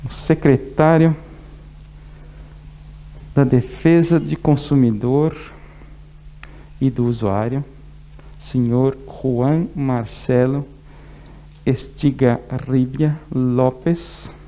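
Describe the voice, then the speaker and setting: A man's voice: medium pitch, extremely slow, pauses often, warm tone. A man with a Brazilian Portuguese accent hosting a public presentation and introducing speakers. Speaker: event host introducing speakers. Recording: noticeable background noise.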